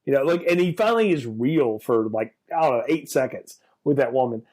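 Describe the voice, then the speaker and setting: Expressive man podcast co-host. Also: medium pitch. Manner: expressive, quick asides, acts out quotes. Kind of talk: casual film review chat.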